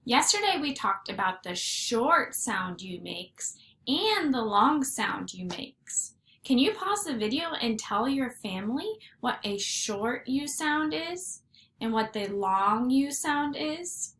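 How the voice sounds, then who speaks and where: A woman teaching a phonics lesson to first graders, sounding out letters slowly and clearly. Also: fairly high pitch, sing-song, a bit bright. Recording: echoey room with faint noise.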